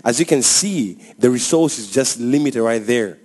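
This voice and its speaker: A man in his twenties with a South African accent, giving an earnest, passionate talk to a panel with halting restarts. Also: medium pitch, lively intonation, a little mellow. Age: 20s. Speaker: youth presenter. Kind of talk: speech to a panel.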